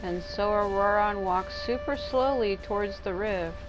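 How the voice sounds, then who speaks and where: With game music in the background, a woman streams a let's-play and rambles casually, speaking frankly and swearing often. Her mid-range voice moves at a measured pace, and the recording quality is low.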